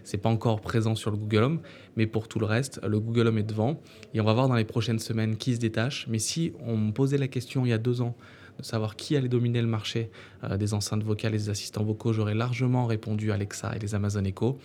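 A man hosting a tech podcast, talking casually and often filling pauses with "euh". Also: fairly low pitch, flat delivery, a little mellow, slight background noise. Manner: conversational, frequent filler "euh". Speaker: podcast host.

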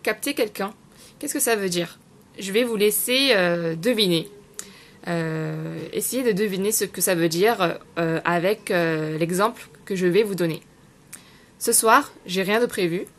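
A young woman hosting a podcast lesson, explaining expressions in a casual, unhurried way with many fillers. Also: medium pitch. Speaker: podcast host teaching French expressions.

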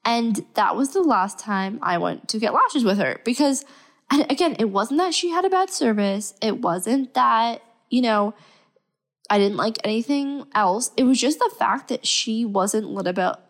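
A young woman hosts her solo podcast in a fairly high, expressive voice, speaking a little slowly. She's sick and stuffy but upbeat, chatting casually and filling her talk with fillers.

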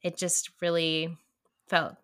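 Woman, young adult, podcast co-host, bright voice, lowish pitch, halting, earnest. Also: monotone, clean tone. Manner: halting, many fillers and restarts, earnest. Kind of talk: casual podcast chat.

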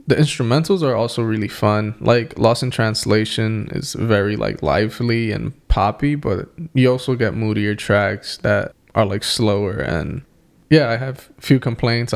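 A man's voice: on the low side, a little slow, vocal fry. A man co-hosting a podcast, reviewing albums in a joking, slangy way, often repeating himself. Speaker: podcast co-host. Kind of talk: casual music review chat.

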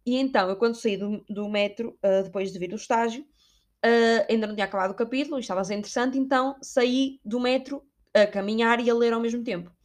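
A woman's voice: on the high side, fast talker. A young woman from Portugal with a European Portuguese accent, casually telling stories to her viewers and drifting into Spanish words. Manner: chatty and digressive, slips Spanish words into her talk. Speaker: vlogger.

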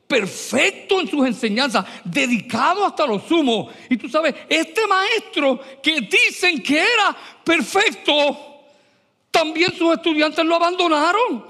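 A man preaching a lively sermon as pastor, mixing English words into his speech. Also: very high-pitched, unhurried, in a large hall. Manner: animated, mixes English words into Spanish.

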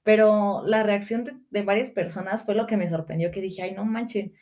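A woman chats casually as a podcast co-host. She rambles through a story and acts out what others said. Her voice sits in an ordinary middle pitch for a woman. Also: steady tone, moderate pace, darkish tone.

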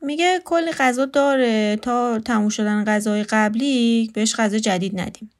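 A woman's voice: on the high side, close to an everyday voice. A woman voicing a sarcastic, teasing houseguest. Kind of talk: read storytelling.

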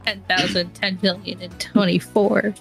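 A woman's voice: mid-range voice, flat delivery, moderate pace, gravelly, faint music behind, low-quality recording. A woman chatting casually as a player in a tabletop game. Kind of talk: casual play chat.

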